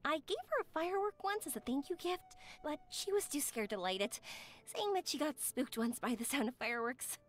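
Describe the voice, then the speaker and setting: Yoimiya, high-pitched lively young game heroine. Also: female voice, fairly quick. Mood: bright, curious. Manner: animated, chatty, expressive. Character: cheerful, warm-hearted young woman fireworks maker, lively storyteller. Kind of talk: video game character voice lines, conversational storytelling.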